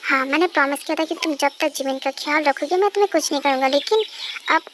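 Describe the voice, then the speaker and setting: A ruthless male gangster making cold, menacing threats in a fan-made audio story, as a woman dubber puts him on. The voice sits high for the part, with a faint hiss behind it. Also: fast, natural voice.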